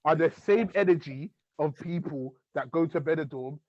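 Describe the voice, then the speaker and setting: Podcast host, guy, lively slangy banter, a bit high-pitched, dry muffled sound. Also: normal speed, no echo. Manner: animated, slangy, acts out quotes. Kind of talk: casual chat.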